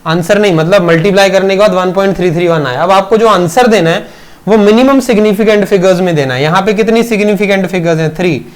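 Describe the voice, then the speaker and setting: A male physics teacher with a fairly high voice walks students through a lesson one step at a time. He keeps asking them questions to check they follow, and he switches freely into English terms as he goes. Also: fast. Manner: mixes Hindi with English terms, addresses students as beta. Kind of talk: classroom lecture. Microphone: teaching video recording.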